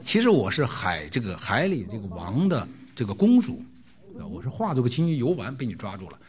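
A man preaching a sermon, telling a story with animated delivery, frequent rhetorical questions and filler words. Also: mid-range voice. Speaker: pastor.

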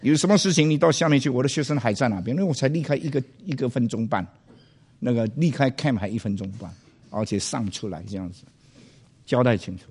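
Telling his audience a story from his own life, an older pastor is loud and animated and throws in English phrases. He's a fast talker with a husky voice at medium pitch.

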